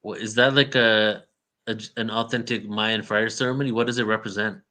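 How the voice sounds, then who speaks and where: A man's voice: on the low side, steady tone, a little fast, sharp tone. A man hosting an interview, introducing his guest and asking her loose, friendly questions. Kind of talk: casual interview.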